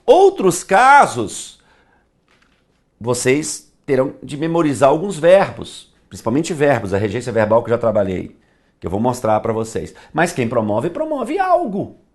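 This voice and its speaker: A middle-aged Brazilian Portuguese man lectures on grammar, his pitch swinging widely from low to high. He plays to the class, calling on them directly and chanting key phrases back and forth. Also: big pitch swings, normal speed. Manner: theatrical, talks to the class directly and repeats phrases in a singsong. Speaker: grammar teacher. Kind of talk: animated classroom lecture to camera.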